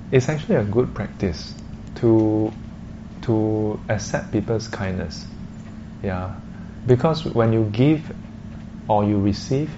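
Slow-paced Singlish speaker, noisy muffled recording. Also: medium pitch, vocal fry. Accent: Singaporean. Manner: colloquial, with Singlish particles. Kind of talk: casual Singlish talk, giving gentle advice to a group.

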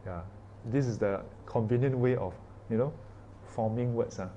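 A Buddhist teacher gives an informal dharma class in a warm, mid-range voice at normal speed. Chatty, he poses questions to the class and says "yeah" and "ah" frequently, on dull audio with slight background noise.

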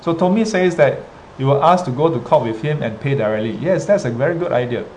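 A man with a Singaporean accent, a livestream host who also speaks like a teacher addressing students, casually tells his viewers a story in a hesitant, halting way full of pauses and repetitions. His voice is medium-pitched and darkish with lively intonation. The recording is clearly noisy, with ambient sound and rain in the background.

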